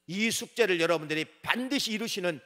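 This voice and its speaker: A male pastor delivers a sermon in a church sanctuary, his voice sitting high for a man and ringing out with a long reverb tail. He preaches with animation, pushing phrases up loud and then dropping to quieter asides as he addresses the congregation directly. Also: a little fast.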